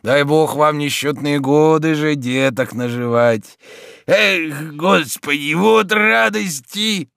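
A man's voice: a little high, slow pace, a bit bright, no echo, studio quality, pitched above the performer's own voice, exaggerated voice. A man voicing an old male servant who wheezes and fusses, fawning and full of exclamations. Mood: fawning joy. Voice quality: hoarse, wheezing.

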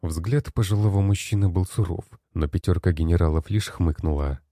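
Low, dark, dry male audiobook narrator, steady reading. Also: normal speed, dry recording. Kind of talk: first-person story narration.

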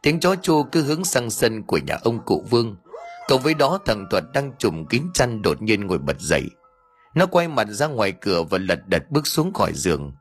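A man's voice: fairly low pitch, very animated, moderate pace, faint music behind. A man narrating a scripted ghost story in a dramatic, tense storytelling manner.

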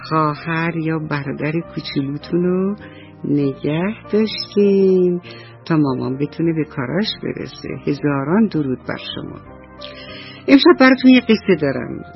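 A woman storyteller narrating a bedtime story for children on the radio, gentle and affectionate. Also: medium pitch, muffled recording.

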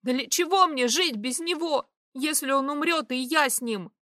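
A woman's voice: moderate pace, a bit bright, dry recording, clean studio sound. A woman voicing a frantic, desperate young sorceress who pleads and shrieks. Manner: desperate, shrill.

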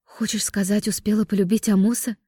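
A woman voicing a composed young fairy woman who takes charge, speaking briskly and with command. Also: medium pitch, flat delivery, mellow, breathy edge, no room sound, clean studio sound, pitched above the performer's own voice, lightly acted. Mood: urgent.

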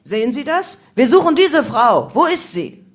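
A woman voicing a gruff, bullying male police captain who barks his commands loudly. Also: on the low side, big pitch swings, moderate pace. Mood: shouting angrily. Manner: barking, shouted commands.

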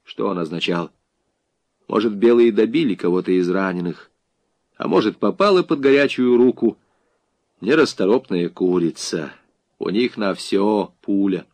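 A man narrating an audiobook in an expressive, dramatic reading. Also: fairly low pitch, moderate pace, no echo.

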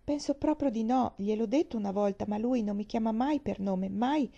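A woman's voice: a little high, moderate pace, vocal fry, mellow, dull audio. A woman reading aloud, voicing a cheerful, earnest little orphan girl in a raised, pleading voice.

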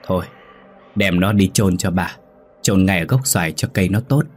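A man reading a ghost story, voicing a sharp-tongued older landlady who scolds her servants. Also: sits low, normal speed, husky, soft background music. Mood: scolding. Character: sharp-tongued old landlady, bossy and frightened.

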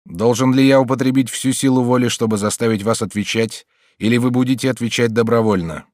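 A calm, firm doctor, as read by a man in an audiobook, asks his questions steadily and with insistence. His voice stays at an ordinary male pitch, and the dry, close recording has no room echo. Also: brisk, close to an everyday voice. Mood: urgent. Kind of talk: audiobook character reading.

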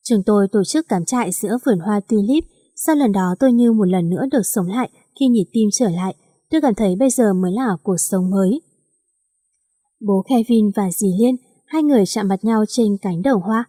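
A woman narrating a romance audio story in a steady, measured reading voice, recorded close on a studio mic. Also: medium pitch, no room sound.

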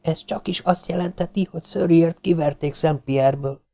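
A man voicing a young woman hiding at night, talking in a hushed, urgent whisper for an audiobook. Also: a little high, expressive, vocal fry, pitched above the performer's own voice, exaggerated voice. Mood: tense hushed.

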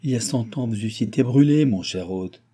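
A man's voice: mid-range voice, fairly quick, breathy edge, close to an everyday voice. A man reading the part of an old, skeptical, boisterous baron who mocks and exclaims. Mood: mocking. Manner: mocking, excitable exclamations.

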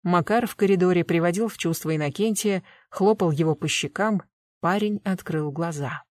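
A narrator reading a novel aloud at an even, steady pace. The recording is close and dry, with no room sound. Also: medium pitch, normal speed, no echo. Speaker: audiobook narrator. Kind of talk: scripted narration.

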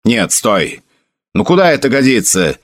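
A man voicing an angry, hot-tempered young noble commander who shouts rebukes. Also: medium pitch, very animated, a little slow, no echo.

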